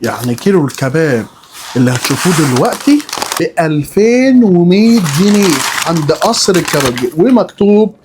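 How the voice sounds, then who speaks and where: A young man with an Egyptian accent reviewing food in a casual vlog, animated and joking, often exclaiming in surprise as he tastes. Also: on the high side, a little fast, background noise. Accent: Egyptian Arabic.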